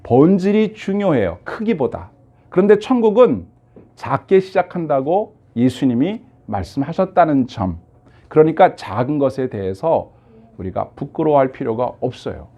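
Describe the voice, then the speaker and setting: Lively, animated male pastor preaching. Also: mid-range voice, moderate pace. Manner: lively storytelling with rhetorical questions and fillers. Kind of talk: sermon. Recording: dull lo-fi sermon audio.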